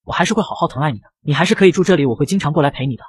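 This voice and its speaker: A man's voice: a little high, expressive, very fast, slightly rough, no echo. A man voicing an arrogant, domineering rich young man in a comic narration, cold and bossy. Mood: coaxing.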